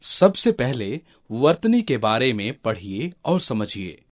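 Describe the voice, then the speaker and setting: A man narrating a scripted grammar lesson, slowly and deliberately reading out example words. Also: medium pitch, big pitch swings.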